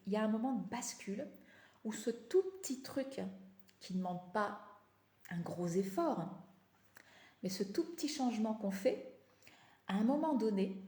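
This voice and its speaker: A tired woman with a slight lisp and slushy s sounds chats motivationally on a live stream, repeating phrases for emphasis in a halting way. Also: medium pitch, warm tone. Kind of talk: casual motivational live chat. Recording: echoey, roomy sound.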